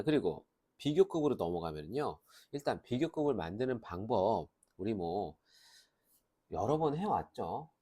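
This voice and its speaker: A man with a low voice teaches a grammar class. His pitch rises and falls a lot as he lays out each rule step by step, and he answers the questions he puts to himself. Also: darkish tone, husky. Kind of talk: lecture.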